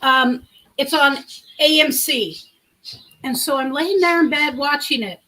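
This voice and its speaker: A middle-aged woman hosts a livestream, rambling through a story and responding to comments from her chat. Her big, high voice sounds bright and forceful at a measured pace, though the audio quality is poor.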